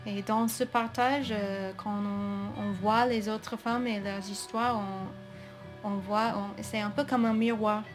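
A woman's voice: mid-range voice, fairly even intonation, slow pace, music in the background. A woman from the United States, a native English speaker, speaking French with an American accent as an interview guest. She talks hesitantly and often searches for her words. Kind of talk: interview conversation.

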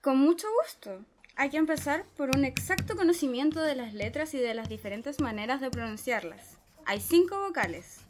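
A woman's voice: high voice, lively intonation, normal speed, noisy background. A woman playing a patient, pedantic male philosophy tutor who explains in a methodical way, in a dramatic reading. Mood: instructive.

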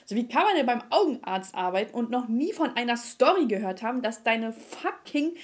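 A woman hosting a podcast, telling a story in a lively, slangy way with frequent laughter. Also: fairly high pitch, brisk. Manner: animated, slangy, laughs often. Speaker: podcast host. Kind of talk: casual storytelling chat.

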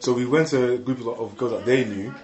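A young man telling an excitable, slangy story with lots of repeated words and laughter. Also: medium pitch, brisk, reverberant, lo-fi sound. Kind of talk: animated casual storytelling.

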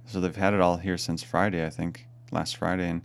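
Deep, gravelly-voiced male priest. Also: level tone, a little fast. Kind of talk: casual chat.

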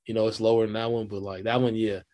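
With a warm, fairly low voice that moves little in pitch, a young man talks fast as a guest musician in a casual video call interview. He rambles loosely, using plenty of fillers.

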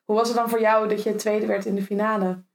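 A woman's voice: mid-range voice, little pitch movement, fast, creaky, roomy sound. A woman with a mid-range voice hosts a casual interview. She asks her guest short questions and listens closely, answering with brief replies. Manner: brief, attentive responses and questions. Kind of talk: casual conversation.

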